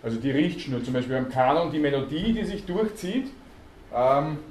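A man's voice: mid-range voice, lively intonation, normal speed, darkish tone. A man giving a university lecture, explaining terms and quizzing students, with many hesitation sounds. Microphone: student recording from the audience. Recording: echoey hall, faint background noise.

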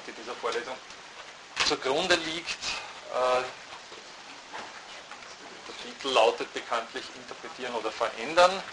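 A man lecturing at a university, thoughtful and halting, often restarting his sentences. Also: mid-range voice. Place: lecture hall. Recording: noisy lecture hall recording.

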